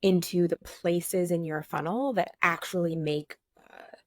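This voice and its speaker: A woman co-hosting an online course, explaining in a friendly, practical way with quick asides. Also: lowish voice, fairly even intonation, a little mellow, no echo, clean studio sound. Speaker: course co-host. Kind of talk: casual course walkthrough.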